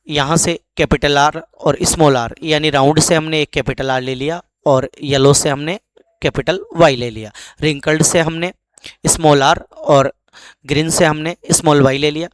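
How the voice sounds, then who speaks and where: A man teaching biology for an exam, walking through each step and answering his own questions as he goes. His voice sits fairly high and comes through smooth and clear, recorded close and dry. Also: no room sound. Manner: mixes English terms with Hindi equivalents. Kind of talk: exam-focused biology lesson.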